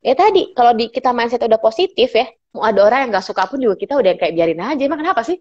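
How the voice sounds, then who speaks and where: A woman giving a lively motivational talk as a trainer, acting out little dialogues in varied voices. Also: on the high side, rapid-fire, highs cut off. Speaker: speaker and trainer.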